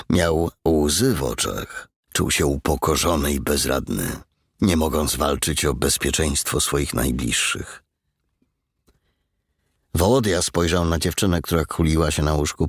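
A man's voice: a bass voice, gravelly, slightly rough, dry recording, studio quality. A man reading an audiobook as the narrator, telling the story with tense drama. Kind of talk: scripted narration.

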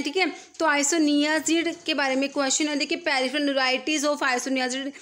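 A woman's voice: high-pitched, sharp tone. A woman teaching pharmacy exam questions over a screen recording, explaining each answer and repeating key terms. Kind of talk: screen-recorded MCQ lesson.

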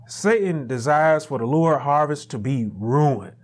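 A middle-aged man preaching a sermon at a pulpit in a small chapel, building to shouted emphasis and repeating his phrases. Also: on the high side, lively intonation, measured pace. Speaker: pastor. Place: small chapel room indoors, standing at a pulpit. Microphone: lapel mic.

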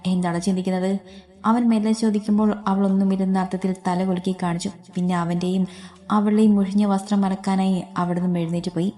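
Woman reading a story, mellow and even. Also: on the low side. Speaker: narrator. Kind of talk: scripted story narration.

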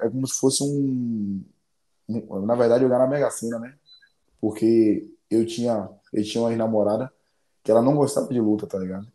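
A man's voice: medium pitch, warm tone. Man, 30s, casual interview, rambling, repetitive, roomy echo. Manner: rambling, repeats phrases, slangy. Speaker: interview guest, MMA fighter.

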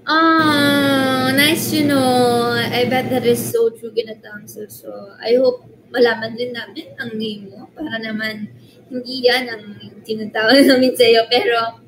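A woman's voice: fairly high pitch, measured pace. A young woman with a nasal, stuffy-nosed voice chatting casually on a live stream, giggling and greeting viewers by name. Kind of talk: casual live stream chat reading comments. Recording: steady background noise.

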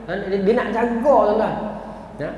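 A man's voice: high voice, normal speed. A man with a northern Malaysian accent giving a storytelling religious lecture, speaking straight to his audience. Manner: animated storyteller, acts out quoted voices, addresses audience directly. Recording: very echoey hall, long reverb, faint noise.

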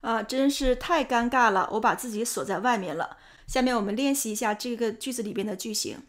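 A woman with a fairly high voice explains English words, sounds and sentence stress for learners. She talks in a patient, clear teaching manner. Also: brisk. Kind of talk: explanatory lesson narration.

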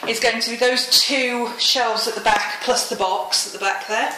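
A woman's voice: a little high, steady tone, normal speed. A British woman in her thirties chatting casually in a home vlog, slightly wheezy from a cold. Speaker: vlogger. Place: rooms at home, indoors. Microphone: handheld phone or camera. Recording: echoey room, some noise and clicks.

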